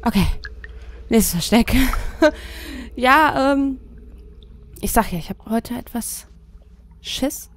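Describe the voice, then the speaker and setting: Slow-talking young German woman gamer. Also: fairly high pitch. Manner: frightened, pleading with the game. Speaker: let's play gamer. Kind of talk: horror game commentary.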